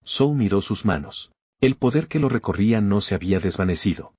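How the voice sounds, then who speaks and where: Low husky male narrator, dry voice-over. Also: lively intonation, fairly quick, a little mellow, no echo. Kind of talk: scripted story recap narration.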